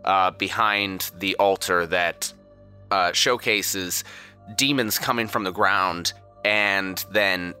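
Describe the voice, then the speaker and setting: A low-voiced game master narrating. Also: male voice. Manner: relaxed and descriptive, with hesitant fillers.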